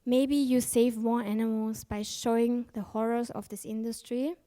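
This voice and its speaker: A conference speaker on stage talks candidly and with emphasis, swearing freely, using fillers and often correcting herself mid-sentence. Her slightly high voice is warm and steady, at normal speed.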